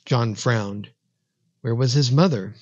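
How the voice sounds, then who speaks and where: Slow, measured male horror storyteller. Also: medium pitch, a little mellow, breathy edge, no echo, lo-fi sound. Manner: slow, measured, dramatic delivery. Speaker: narrator. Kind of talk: scripted horror story narration.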